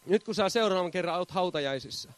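Fervent male preacher, high and tense, dry close sound, bursts of hallelujah and laughter. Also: no echo. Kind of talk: charismatic sermon.

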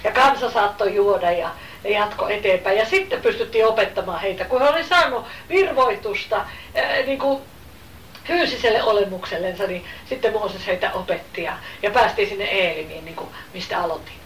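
A woman preacher giving an emphatic sermon, swinging between loud exclamations and hushed asides. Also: medium pitch. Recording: roomy hall, voice from far off, faint noise.

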